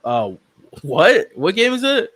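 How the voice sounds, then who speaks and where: A man's voice: high voice, wildly swooping pitch, slow pace, a bit bright. A man debating casually in an informal, slangy way.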